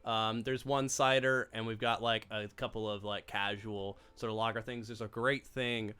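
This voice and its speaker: A man's voice: on the low side, little pitch movement, normal speed, sharp tone, clear, resonant tone. A man voicing a casual male bartender who rambles through the drink list with many fillers. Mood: offhand. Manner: rambling, filler-heavy, offhand. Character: casual male bartender, laid-back then rude.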